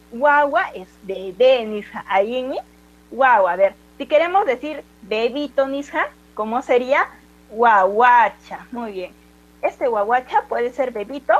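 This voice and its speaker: Woman language teacher, unhurried and patient, dull lo-fi recording. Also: fairly high pitch. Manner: slow, patient, drawn-out repetition of words for students. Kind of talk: online language lesson.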